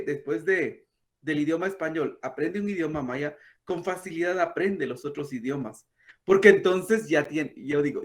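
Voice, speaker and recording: A man, a language teacher patiently explaining and softly demonstrating throaty sounds. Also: fairly high pitch. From Guatemala. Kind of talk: explanatory talk.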